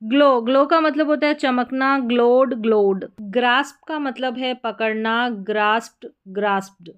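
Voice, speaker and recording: Smooth-voiced woman drilling verb forms. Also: a little high, a little slow, highs cut off. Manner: reads verb lists in steady drilled rhythm. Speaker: English teacher. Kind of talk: vocabulary lesson recitation.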